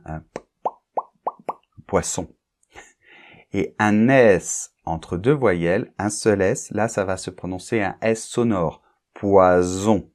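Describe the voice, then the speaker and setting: A man's voice: low-pitched, a little mellow. A man teaching French pronunciation, patiently repeating example words and often checking that the listener follows. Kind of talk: pronunciation lesson.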